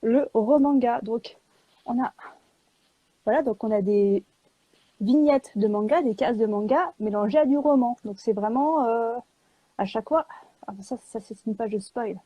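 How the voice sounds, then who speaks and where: A woman publisher and illustrator talking in a live video chat, lively and joking, filling gaps with small words. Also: fairly high pitch, unhurried, pauses often, slightly rough, no room sound, lo-fi sound. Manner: lively and joking, with many fillers.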